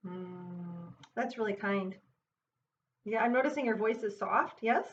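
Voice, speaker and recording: A woman teaching self-compassion, guiding an exercise in a gentle, unhurried way and thinking aloud with fillers and restarts. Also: mid-range voice. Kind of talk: guided exercise with her child. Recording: distant, muffled mic with faint hiss.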